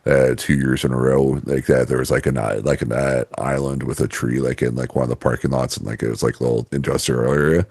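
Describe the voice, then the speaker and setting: A man co-hosting a podcast in a casual, rambling way, piling up fillers and false starts. His voice sits very deep and low. The recording is close and dry. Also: little pitch movement, fairly quick, gravelly, hardly any pauses, darkish tone, breathy edge, no echo. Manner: rambling storyteller, many fillers and restarts, laughs easily. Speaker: podcast co-host. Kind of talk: casual chat.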